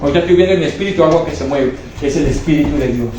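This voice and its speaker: A man preaches to his congregation as a prophet in a sermon mixed with testimony, telling stories and often checking in with the crowd. His voice is a little high and very fast. It was recorded in a church hall with a live congregation, very echoey, with faint background hiss.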